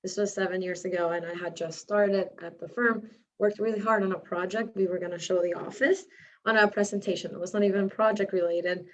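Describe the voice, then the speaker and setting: An architect sits on a panel telling a story and acting out the quotes; she's a native Spanish speaker with a slight accent in English. Her medium-pitched voice moves briskly with fairly even intonation, and the recording has its highs cut off.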